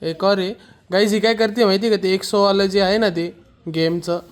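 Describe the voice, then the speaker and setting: A man's voice: high-pitched, steady tone, normal speed. A young man vlogging casually at home, teasing his family and chatting straight to his viewers. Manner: playful, teasing, addresses viewers directly. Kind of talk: casual family vlog chat.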